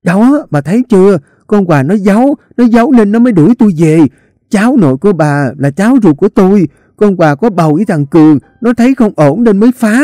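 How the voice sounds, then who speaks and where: A man putting on a shrill, spiteful wailing village woman. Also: expressive, moderate pace, dark tone, dry recording, clean studio sound. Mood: shrieking.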